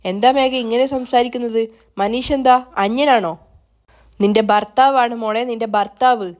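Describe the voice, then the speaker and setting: A greedy, fawning middle-aged uncle in a retold serial drama, as a woman narrator puts him on. The voice stays fairly high and close to her own, with an eager, wheedling push. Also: normal speed, lightly acted. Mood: pleading.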